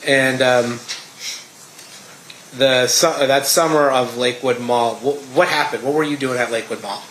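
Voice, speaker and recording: An American man examining a witness as a lawyer, putting questions in a halting, deliberate way. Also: medium pitch, steady tone, fairly bright tone. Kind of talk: courtroom examination. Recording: echoey room with background noise.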